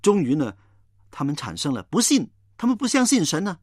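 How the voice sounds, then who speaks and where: A preacher giving a Bible teaching sermon, retelling scripture as an animated story. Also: mid-range voice, fairly quick, slightly rough, no echo, studio quality.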